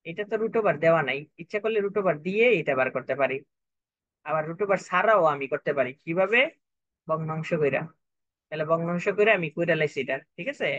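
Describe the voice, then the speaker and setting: A young man teaches a math lesson, breaking each step down patiently and repeating himself to make sure students follow. His voice sits slightly high for a man. The recording is dry and dull, like a lo-fi online class. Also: lively intonation, fast talker, a bit bright, dry recording. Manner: patient, repetitive, checks for understanding. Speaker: math tutor.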